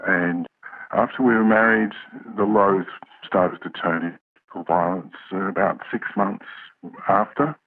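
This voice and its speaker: A man with an electronically altered, disguised deep voice, speaking hesitantly as an interviewee on a radio program. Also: steady tone. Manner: hesitant, halting, many pauses. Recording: narrow, phone-like altered audio.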